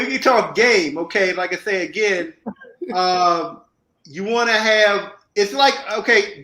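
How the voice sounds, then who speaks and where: A man calls in to a casual chat, his voice pitched quite high and ringing in an echoey room. He talks in a hesitant, slangy way, filling pauses with "um". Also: sharp tone. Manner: hesitant, many "um"s, streetwise slang. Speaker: guest caller. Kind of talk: casual chat over a call.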